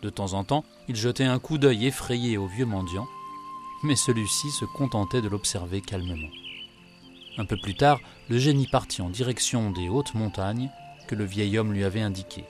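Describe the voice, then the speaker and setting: Calm male storybook narrator. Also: fairly low pitch, normal speed, music in the background.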